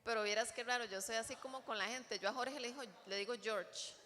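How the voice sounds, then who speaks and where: A woman's voice: a little high, quick pace, sharp tone. A woman teaching a church class in a chatty, joking way, with asides to the room. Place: church hall. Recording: long hall reverb.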